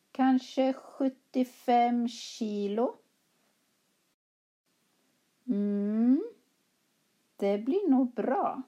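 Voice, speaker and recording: A woman teaching a language class, reading both parts of a practice dialogue slowly and clearly with careful articulation. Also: on the high side, dark tone. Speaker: Swedish teacher.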